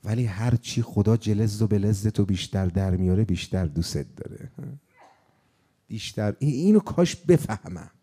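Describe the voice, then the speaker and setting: A man's voice: lowish voice, lively intonation, mellow, slightly rough. A man preaching a sermon, telling stories and now and then breaking into chanted phrases. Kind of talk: storytelling sermon.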